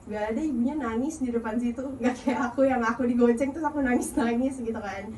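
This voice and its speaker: A woman's voice: on the high side, fast, slight background noise. Earnest young woman in an echoey hall. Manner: earnest, gentle, encouraging. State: nervous. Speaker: youth service speaker. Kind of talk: personal testimony sharing. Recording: echoey hall, voice far from mic.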